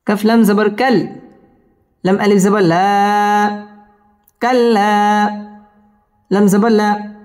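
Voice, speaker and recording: A man teaching Quran recitation. He spells out each letter and vowel, then chants the verses in a drawn-out melody. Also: sits high, little pitch movement, darkish tone.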